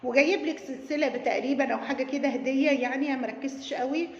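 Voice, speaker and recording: A woman's voice: sits high, fast talker, roomy sound, long reverb tail, lo-fi sound. A woman with an Egyptian Arabic accent giving mocking commentary on a viral video, sarcastic and scolding, laughing as she talks. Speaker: YouTube commentator.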